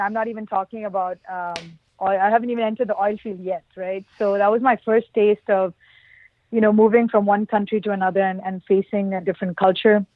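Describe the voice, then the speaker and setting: As a podcast guest, this woman, a production engineer with roots in Oman and India, answers questions by telling personal stories in a relaxed interview manner. She has a medium-pitched voice, and the recording is dry, coming through as lo-fi, band-limited call audio.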